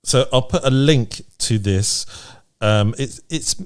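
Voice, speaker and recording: Co-hosting a remotely recorded podcast, a man with a smooth, mid-range voice takes his time, chatting in a casual, frank and matter-of-fact manner.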